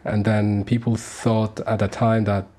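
A man's voice: lowish voice, flat delivery, measured pace, warm tone. A man in his thirties from Sudan, speaking as a guest on a community radio interview, earnest and hesitant with many fillers and restarts. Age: 30s.

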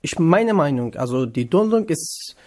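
A young man from northern Iraq, talking in a radio interview. His voice sits a touch higher than most men's. His German is halting, with many pauses and fillers. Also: lively intonation, a little mellow. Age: 20s. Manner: hesitant non-native German with many fillers. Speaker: interviewee, trainee cook.

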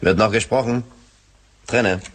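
Low-voiced brusque army switchboard operator. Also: fairly even intonation, measured pace. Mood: businesslike. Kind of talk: radio war drama acting. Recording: faint background noise.

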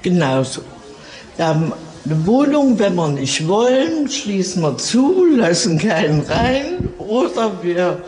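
A woman in her seventies, a resident of assisted living, answering interview questions in a relaxed, chatty way. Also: sits low, low-quality recording. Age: 70s. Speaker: care home resident.

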